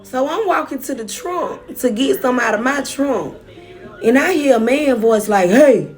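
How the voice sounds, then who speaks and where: A woman's voice: high-pitched, expressive, unhurried, soft background music. A young woman vlogger telling a personal story straight to her viewers, frank and often profane.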